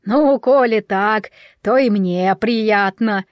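A woman voicing a blunt, clever male warhorse with gruff, folksy old-fashioned speech, in an audiobook. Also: medium pitch, slow, no room sound, clean studio sound, natural voice. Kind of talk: audiobook character voice.

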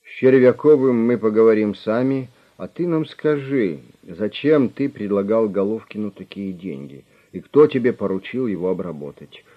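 Guy doing a smug cold crime boss, low husky voice, mocking and menacing. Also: lively intonation, moderate pace, few pauses, muffled recording. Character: calm, menacing middle-aged male gang boss.

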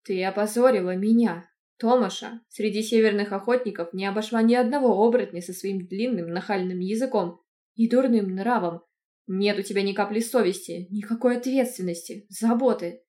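A woman reading an audiobook, voicing a stern, menacing tiger-shifter uncle who speaks in a cold, slow drawl. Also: on the high side, lively intonation, a little mellow, lightly acted. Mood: scolding.

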